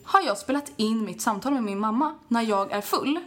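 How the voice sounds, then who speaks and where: Giggly young woman telling a story. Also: a little high. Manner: animated, laughing, acts out voices. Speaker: co-host. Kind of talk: casual storytelling chat.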